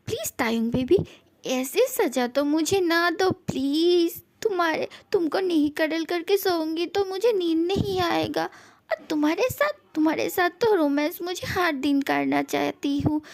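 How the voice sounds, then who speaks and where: A woman putting on a whiny young husband begging for forgiveness, high voice, slow pleading delivery, fan-story reading. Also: vocal fry, darkish tone, exaggerated voice. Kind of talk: fan-fiction voice acting.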